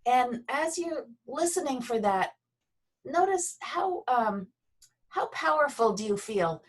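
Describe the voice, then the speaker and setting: Soft-spoken woman teacher leading a movement class on a video call, kinda high voice, bit far from the mic. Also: animated. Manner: gentle, unhurried, with pauses and fillers. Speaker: Feldenkrais teacher. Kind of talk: guided movement lesson over video call.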